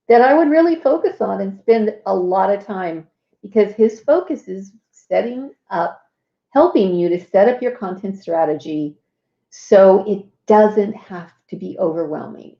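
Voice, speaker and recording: A woman hosts a casual live walkthrough and talks slowly, with plenty of fillers and small asides. Her voice sits at a middle pitch. It sounds roomy and a little dull. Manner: chatty, lots of fillers and asides. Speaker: host.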